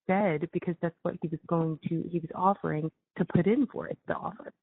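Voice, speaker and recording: Male, prison phone call, creaky voice, casual, emphatic, halting, thin tinny line. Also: a little high, fairly even intonation. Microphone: telephone.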